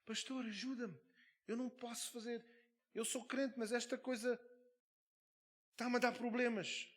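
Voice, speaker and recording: A man preaching voices a troubled man who begs for help in a high, strained voice. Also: flat delivery, unhurried, a bit bright. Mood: pleading.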